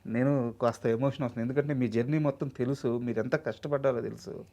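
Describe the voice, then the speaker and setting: A man hosting an interview, asking questions in a gentle, encouraging way. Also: mid-range voice, fairly even intonation, fast talker. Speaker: interviewer, host.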